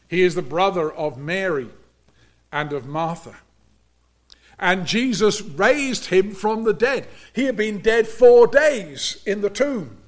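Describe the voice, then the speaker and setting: A man with a fairly high voice delivers a sermon at an unhurried, deliberate pace. He preaches earnestly and with emphasis, and often sinks abruptly into a near-hushed tone.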